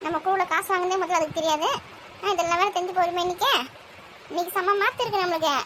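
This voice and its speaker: High-pitched gossipy woman. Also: fairly even intonation, racing, noisy background. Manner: loud, grumbling, gossipy. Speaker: comedy sketch performer. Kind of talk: comic village sketch acting.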